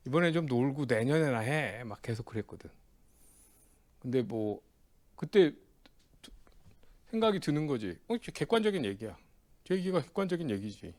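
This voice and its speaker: A man's voice: mid-range voice, darkish tone. A man teaching an exam prep class in a casual, chatty way, often checking in with the students and acting out old friends' banter. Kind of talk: casual lecture with personal anecdote.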